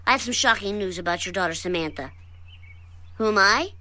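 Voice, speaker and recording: A woman's voice: medium pitch, brisk, bright, forceful tone, dry recording, close to an everyday voice. A woman voicing a brash, scheming ten-year-old cartoon boy with a cheeky, blunt manner. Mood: sly.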